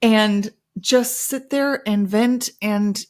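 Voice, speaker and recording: A woman's voice: medium pitch, drawn-out words, a little mellow. A woman hosting a podcast, telling personal stories in a chatty way and acting out playful quotes. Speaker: podcast host; mother of several children. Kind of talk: casual podcast monologue.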